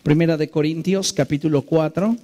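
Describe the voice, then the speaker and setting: A man preaching a sermon as a pastor in his church, slowing down and stressing key phrases in an earnest way. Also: on the high side, steady tone, warm tone. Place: church sanctuary.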